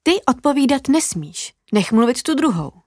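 A woman voicing a sly, teasing female magpie in a children's story, talking in a knowing, playful, drawn-out way. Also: high-pitched, big pitch swings, darkish tone, no echo, studio quality.

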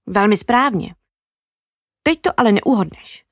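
A woman voicing a sly, teasing female magpie in a children's story, talking in a knowing, playful, drawn-out way. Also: mid-range voice, expressive, breathy edge, dry recording, studio quality.

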